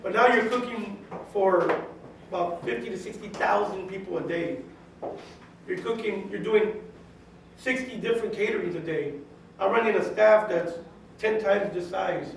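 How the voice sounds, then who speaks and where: A man's voice: sits high, normal speed, gravelly. A man in his forties from California, a chef speaking as a guest to a class of students in a casual, chatty, direct way, often saying "you know" and acting out what people said. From California, USA. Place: high school classroom. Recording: very echoey classroom, mic far off, faint hiss.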